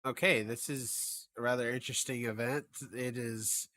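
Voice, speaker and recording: A man's voice: medium pitch, fairly even intonation, normal speed, sharp tone, a little hiss or hum. A man casting an esports match in a casual, chatty way, often thinking aloud and trailing off. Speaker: esports caster.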